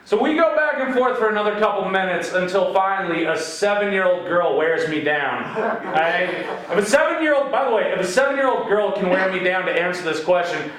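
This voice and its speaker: High-pitched dude doing a crude stand-up set, lotsa swearing, echoey room, mic way off. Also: male voice, big pitch swings, a little fast, fairly bright tone. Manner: crude, profane storytelling. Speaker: stand-up comic. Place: acting studio, in front of a small audience. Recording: echoey room from a distant camera, noisy.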